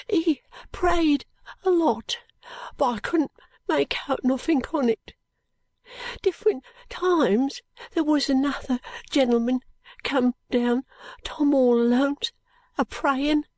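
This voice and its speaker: A woman voicing a weak, dying street boy who talks in dialect with faint, halting whispers. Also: high voice, darkish tone, no echo, voice pushed up. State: weak and breathless.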